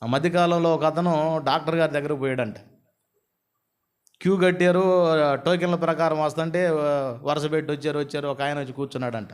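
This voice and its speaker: A male pastor preaches an animated storytelling sermon. He fires off rhetorical questions and builds long repetitive lists, and his voice sits slightly high for a man. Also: fairly quick, long pauses.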